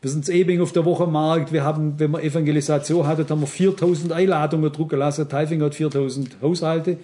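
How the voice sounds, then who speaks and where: A man's voice: fairly high pitch, fairly even intonation, quick pace, dark tone. An older man with a Swabian accent preaching an informal sermon, talking straight to his listeners, emphatic and repeating his points. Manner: conversational, emphatic, repeats himself, addresses listeners directly.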